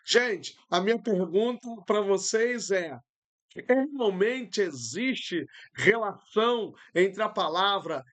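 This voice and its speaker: A Brazilian pastor in middle age leads a live-streamed Bible lesson from his computer. His voice sits high and moves slowly and deliberately. He explains Greek terms patiently, filling pauses as he thinks. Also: fairly bright tone. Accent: Brazilian Portuguese.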